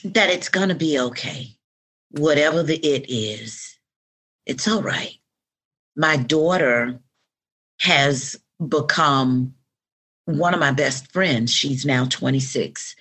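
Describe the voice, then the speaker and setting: Lowish-voiced woman in her fifties, animated. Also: slow, pauses often. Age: 50s. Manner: reflective, animated storytelling with quoted affirmations. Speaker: podcast guest. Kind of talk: conversational interview.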